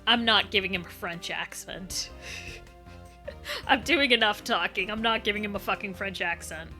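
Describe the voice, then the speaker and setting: A woman's voice: medium pitch, measured pace, pushed and bright, soft background music. A woman streaming a game playthrough, commenting casually with irreverent, profane jokes.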